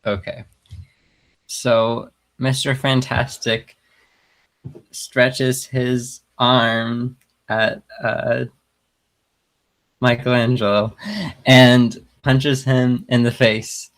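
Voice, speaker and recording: A man makes up a fight scene on the spot, hesitant and pausing on fillers. His delivery is slow and his pitch barely moves. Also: flat delivery, fairly bright tone. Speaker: player. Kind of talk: casual improvised fight narration.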